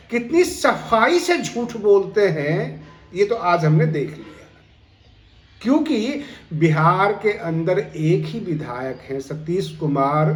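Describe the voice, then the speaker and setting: Echoey, argumentative male political commentator. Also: high voice. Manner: argumentative, rhetorical questions.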